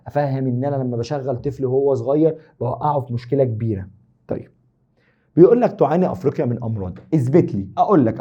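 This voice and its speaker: A man's voice: fairly high pitch, dark tone, lo-fi sound. A man with an Egyptian Arabic accent teaching an exam review lesson, joking and teasing his students as he explains.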